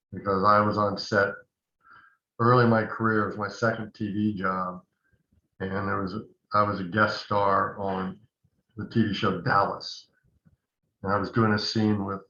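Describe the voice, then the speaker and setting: A man's voice: fairly low pitch, pushed and bright. An older man, an actor and acting coach, telling rambling anecdotes in a casual interview over the phone. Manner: rambling, anecdotal, many asides. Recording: echoey dull phone line.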